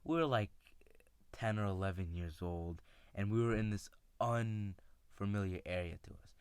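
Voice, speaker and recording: Low-voiced man telling a story casually. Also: smooth, dry recording. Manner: casual, halting, with many fillers and restarts; retells friends' lines in his own voice. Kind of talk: personal storytelling.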